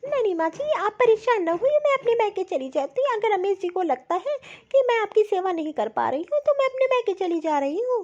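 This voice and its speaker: A woman's voice: very high-pitched, sing-song, brisk, hardly any pauses, darkish tone. A woman voicing an earnest, dutiful young daughter-in-law in a cartoon story. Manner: earnest, eager to please. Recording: dull lo-fi audio.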